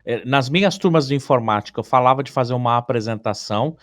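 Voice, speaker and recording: A man from Brazil, a former computer teacher, hosting a podcast in an animated, teasing way. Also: medium pitch, quick pace, no echo, studio quality. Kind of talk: casual podcast chat.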